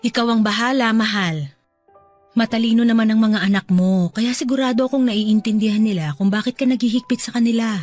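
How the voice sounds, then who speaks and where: A woman playing a gentle, caring middle-aged wife and mother in a radio drama, speaking affectionately and soothingly. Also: a little high, steady tone, brisk, lightly acted. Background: soft music bed.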